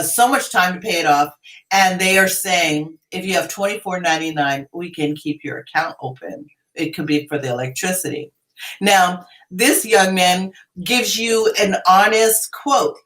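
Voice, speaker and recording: A woman in her fifties gives a live tarot reading, explaining the cards in a chatty, rambling way with everyday examples and frequent restarts. Her medium-pitched voice is a bit bright, though the audio quality is poor.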